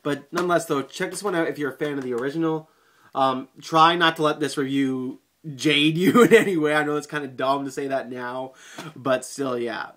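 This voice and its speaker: A man's voice: medium pitch, a little fast, a bit bright. A man giving a casual video movie review, rambling with frequent swearing, fillers and restarts.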